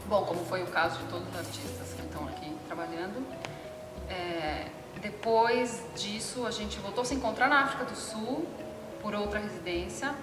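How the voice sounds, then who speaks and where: A woman from Argentina, a visual artist, calmly explaining her work in an interview and often restarting her phrases as she thinks. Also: medium pitch, moderate pace. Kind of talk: interview monologue. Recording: echoey hall with music behind.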